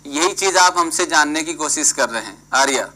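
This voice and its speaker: A man's voice: fairly high pitch, lively intonation, moderate pace, sharp tone, rough recording. A man teaching an engineering class online, prodding and scolding students by name and mixing English terms into his talk.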